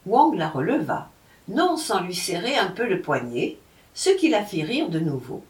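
A woman reading a folk tale aloud with an expressive delivery. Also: on the low side, unhurried. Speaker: narrator. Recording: roomy, from a distance.

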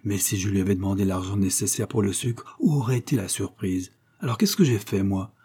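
In a read-aloud story, a man voices a kind, flustered housemaid, raising his pitch as she confides in quick, breathless chatter. His tone is mellow with a breathy edge, and the mood is one of flustered confiding.

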